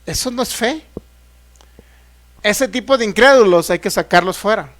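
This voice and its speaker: A man's voice: high voice, moderate pace, a bit bright. A man, a pastor preaching a sermon who keeps asking the congregation rhetorical questions and acts out the voices he quotes. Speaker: pastor teaching a healing course.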